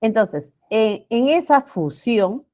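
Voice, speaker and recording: A woman's voice: a little high, big pitch swings, slow, dark tone. A woman teaching a class, explaining spelling rules patiently, repeating points, checking understanding with short questions and stretching out example words.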